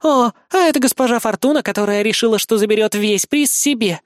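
A reader voicing a haughty, tiny female pop idol who holds a general's rank, indignant and quick to snap. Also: medium pitch, darkish tone, dry recording, studio quality, pitched above the performer's own voice, close to an everyday voice. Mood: mocking. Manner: snappy, indignant, easily irritated. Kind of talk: audiobook character voice.

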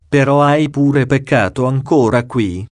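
A man's voice: mid-range voice, unhurried, dry recording, clean studio sound, lightly acted. A man voicing a pious noblewoman who earnestly and persistently questions a spirit.

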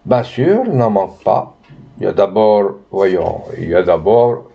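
A man's voice: fairly low pitch, expressive, measured pace, vocal fry, husky, heavily acted. A man voicing a talkative middle-aged peasant farm wife who hesitates and searches for her words. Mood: pondering. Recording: dull lo-fi recording.

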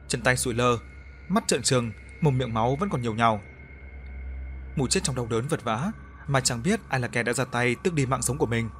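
Male narrator, horror audiobook, steady read, faint background hum. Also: mid-range voice.

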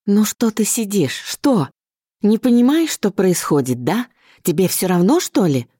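A woman voicing a distraught middle-aged mother who pleads and reproaches in a shrill, wailing voice. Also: sing-song, a little slow, dark tone, husky, no echo, studio quality. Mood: nagging.

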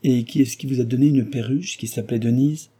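A man's voice: medium pitch, brisk, mellow, slightly rough, voice pushed up, lightly acted. A man playing a tender, earnest nobleman. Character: gentle, emotional middle-aged nobleman.

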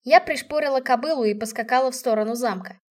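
A woman reads a first-person story aloud with lively expression. Her voice sits fairly high. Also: fast. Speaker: audiobook narrator.

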